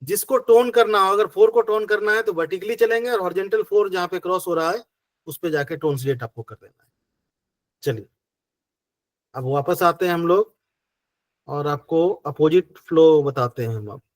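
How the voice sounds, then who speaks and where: A man with a fairly high voice and a Hindi accent teaches a class, walking through each step patiently and asking himself questions before answering them. The sound is dry and close, with little room echo. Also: normal speed, long pauses. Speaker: acupressure teacher. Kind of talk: online class explanation.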